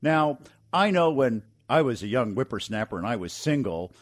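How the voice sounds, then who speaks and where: A man in his forties hosting a business talk radio show, speaking in a brisk, plainspoken way. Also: medium pitch, big pitch swings.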